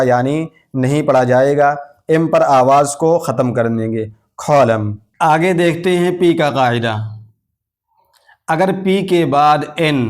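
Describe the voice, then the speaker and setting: Slow, patient male English teacher. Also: on the high side. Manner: repeats each example word twice, then explains the rule; uses Urdu-flavored terms for rules and letters. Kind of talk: slow classroom explanation of pronunciation rules.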